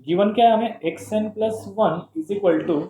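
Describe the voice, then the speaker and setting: A man's voice: sits high, normal speed, mellow, reverberant, a little hiss or hum, low-quality recording. A man teaching a math lesson step by step, asking rhetorical questions and mixing Hindi with English terms. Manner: playful, calls terms "bhai sahab".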